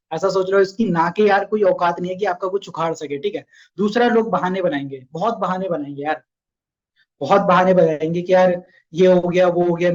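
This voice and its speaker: A man's voice: high-pitched, a little mellow, lo-fi sound. A young man runs a casual online sales training session, chatty and coaxing, often asking his listeners questions.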